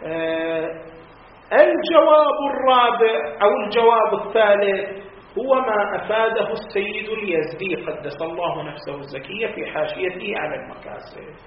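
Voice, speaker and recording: A man with a high voice delivers a deliberate scholarly lecture and pauses to quiz his students. The sound is tinny and lo-fi, as if heard through a phone. Heavy echo surrounds every word, with faint hiss underneath. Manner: deliberate, poses questions to students. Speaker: religious scholar teaching hadith studies. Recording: very echoey, tinny lo-fi recording with faint noise.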